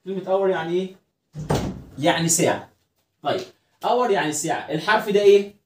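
A man's voice: high-pitched, expressive, fast, noisy background. A man with an Egyptian Arabic accent teaching an English lesson, asking rhetorical questions and answering them himself. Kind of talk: classroom lesson explanation. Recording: roomy echo.

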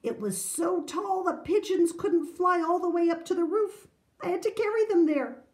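A woman's voice: a little high, very animated, slow. A woman voicing a boastful old grandfather who spins gleeful tall tales. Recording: roomy echo.

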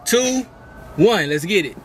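A man hosting a blind date video, loud and excitable, full of slang and asking "you know what I'm saying". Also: high-pitched, slow pace, slight background noise. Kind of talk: casual hype hosting.

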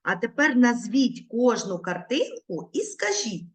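A woman's voice: a little high, very animated, unhurried. A woman teaching young children in an online lesson over a video call, patient and coaxing.

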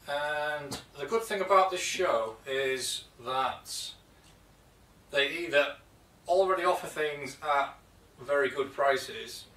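A chatty British man in his thirties shows off his tools in a loose, rambling way. His voice is bright and forward. He is heard from a few feet away in an echoey workshop. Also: medium pitch, slight background noise. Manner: chatty, rambling with fillers and restarts. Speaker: woodworking video host. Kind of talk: casual show-and-tell vlog. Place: home workshop, indoors. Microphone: camera mic from a few feet away. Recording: echoey workshop, distant mic.

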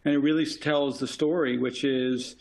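A man's voice: medium pitch, fairly even intonation, low-quality recording. Emphatic man analyzing election numbers. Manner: emphatic, rapid-fire analysis. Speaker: political consultant panelist. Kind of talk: panel discussion.

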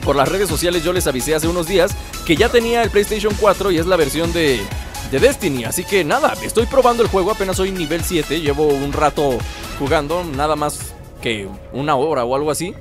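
Man, high voice, jokey gameplay commentary, music in background. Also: brisk. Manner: playful, excitable, jokey asides. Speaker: gaming YouTuber.

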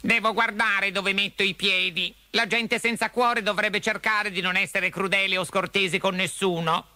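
A man voicing a gentle, sorrowful man of tin in a storybook reading, sighing and mournful. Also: sits high, steady tone, moderate pace, voice pushed up. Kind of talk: storybook character voice.

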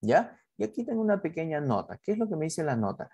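A man teaching an English lesson, explaining a school project and slowly modeling example phrases, checking in with short tag questions. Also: fairly high pitch, big pitch swings, vocal fry, darkish tone, slightly rough, no room sound.

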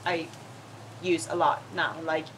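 A woman in her twenties from northern Norway, a Norwegian speaker talking in English as a guest in a casual chat, cheerful and animated, on an outdoor patio. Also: low-pitched, slow, slight background noise, low-quality recording. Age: 20s.

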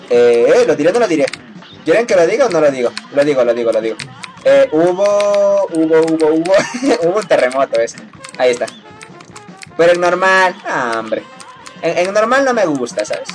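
Lady gamer on stream, joking around with chat, lively swingy voice. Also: lowish voice. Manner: playful and teasing, laughs often. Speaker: game streamer. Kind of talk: casual live-stream chat while gaming.

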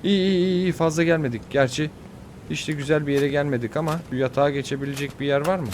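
A young man giving casual, excitable commentary on his own gameplay, fretting aloud and yelping at near falls. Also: fairly high pitch, quick pace, a little hiss or hum. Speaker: gaming YouTuber.

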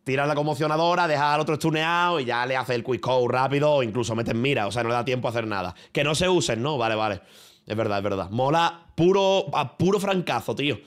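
A man's voice: mid-range voice, expressive, quick pace. A streamer man from Spain with a Spanish accent, talking off the cuff in his room. He rambles loosely and swears freely, mixing in street slang as he addresses his viewers and a friend. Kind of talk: casual livestream chat.

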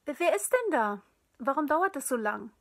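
A woman voicing a family mother who calls out loudly from another room, urging that the guest be let in. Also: high voice, sing-song, normal speed, voice pushed up. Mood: calling out. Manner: loud, calling out cheerfully.

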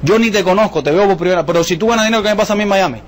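Fast, high-voiced presenter. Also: male voice, slight background noise. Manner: jokey, rapid-fire, full of rhetorical questions. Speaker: business presenter. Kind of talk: motivational sales presentation. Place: event room with a live audience.

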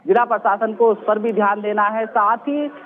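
A man's voice: high-pitched, normal speed. A male field reporter giving an earnest live news report from outdoors at a scene, repeating the key questions. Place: outdoors at a mall. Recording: tinny phone-line audio.

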